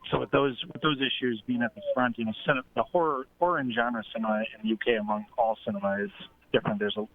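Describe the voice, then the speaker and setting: A man calls in to a radio chat over a tinny, phone-thin line, and the connection makes his voice warble and echo as though he were speaking from inside a fishbowl. He talks in a halting way, stopping often to search for words. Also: mid-range voice, steady tone, crowd noise. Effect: warbling, echoey phone line, like talking inside a fishbowl. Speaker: call-in guest.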